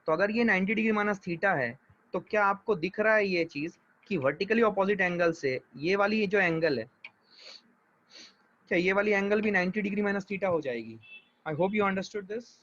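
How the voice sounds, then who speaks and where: Patient high-voiced male physics teacher. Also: fairly bright tone. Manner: mixes Hindi and English, checks understanding often; patient, reassuring, slow step-by-step. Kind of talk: live online class. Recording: dull lo-fi audio.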